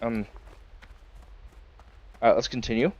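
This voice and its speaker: A man's voice: mid-range voice, fairly even intonation, a little slow, a little mellow, dull audio. A man streaming a game, chatting casually and rambling with lots of fillers and chuckles. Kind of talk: casual live-stream chat while playing.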